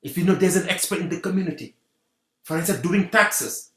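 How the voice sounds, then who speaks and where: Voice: medium pitch, a little fast. A guest from Senegal, giving an earnest talk on community unity and repeating rallying phrases. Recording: roomy echo.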